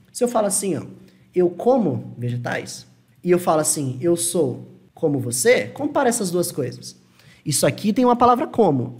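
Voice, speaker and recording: Animated Brazilian man teaching English. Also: high voice. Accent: Brazilian Portuguese. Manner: explains patiently, slows down to model English phrases. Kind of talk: online language lesson.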